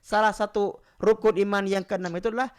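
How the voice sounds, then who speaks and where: Man giving an animated religious lesson. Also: sits high, fast. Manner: animated storytelling, often addresses the audience directly. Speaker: Quran recitation teacher. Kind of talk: casual Islamic study lecture.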